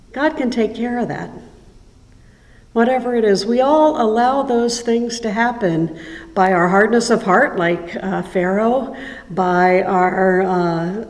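A woman's voice: mid-range voice, darkish tone. A woman giving a chatty, informal devotional message in a church sanctuary, with a cathedral-like echo. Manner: chatty and conversational, with frequent ums. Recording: echoey church sanctuary with long reverb.

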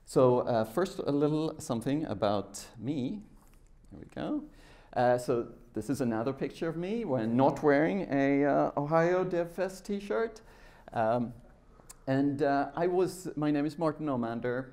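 A middle-aged Swedish software developer presents at a tech conference in a large lecture room before a seated audience. He speaks informally and conversationally, his voice a little high and a little mellow, with lively intonation and a slightly slow pace.

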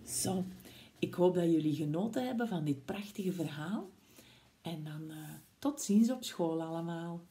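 Slow, expressive storyteller woman. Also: fairly low pitch. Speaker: teacher reading to pupils. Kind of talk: storybook read-aloud.

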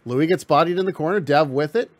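Man, game stream commentator, excitable, laughs a lot, slightly high voice, dry close sound. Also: no room sound. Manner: excitable, laughs often, quick play calls. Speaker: play-by-play commentator. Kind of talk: casual video game commentary.

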